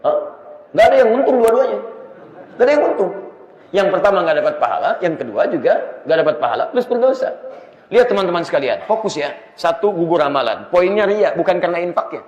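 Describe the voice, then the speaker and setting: A man preaching an Islamic study sermon, asking the audience rhetorical questions in a lively way. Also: high voice, fast. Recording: echoey hall, slightly dull sound.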